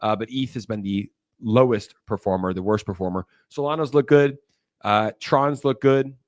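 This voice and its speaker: A man's voice: fairly low pitch, normal speed, dry recording, studio quality. A man co-hosting a crypto talk show in casual, slangy crypto bro style, swearing and giving blunt opinions. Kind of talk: casual chat and news commentary.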